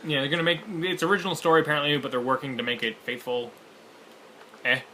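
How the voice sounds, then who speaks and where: A man with a slightly raised pitch and a very bright, cutting tone gives blunt, sarcastic takes in casual chat. He swears and stammers through false starts. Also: fairly even intonation, fast, slight background noise. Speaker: co-host. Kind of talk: casual game-showcase reaction chat.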